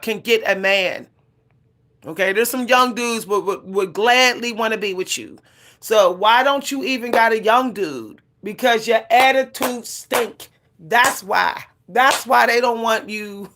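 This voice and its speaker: A woman in her 40s rants casually on her livestream, sassy and colloquial, repeating herself and laughing often. Her voice is a little high and fairly bright, at normal speed.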